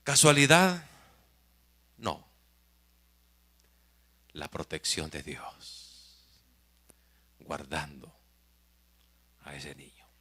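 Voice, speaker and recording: A male pastor preaching a sermon, swinging from loud exclamations to hushed near-whispers and speaking directly to the congregation. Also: extremely low pitch, wildly swooping pitch, drawn-out words, long pauses.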